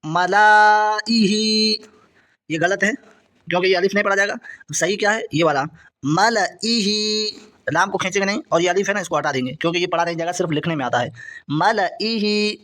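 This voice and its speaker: Man, high voice, reading teacher, patient, repetitive, drawn-out examples, quick explanations. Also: a bit bright. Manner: reads example words slowly and drawn out, then explains rapidly; repetitive, patient step-by-step pointing. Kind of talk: explaining a lesson.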